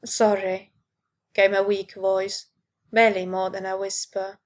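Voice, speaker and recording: A woman reading a fan fiction story aloud, narrating in an unhurried way and lifting her voice for the characters' lines. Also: medium pitch, monotone.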